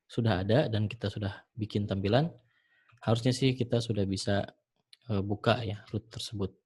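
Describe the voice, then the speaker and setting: A man teaching programming in a screen-recorded tutorial, talking the viewer through each step in a relaxed way with frequent fillers. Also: lowish voice, moderate pace, slightly rough. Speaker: programming instructor.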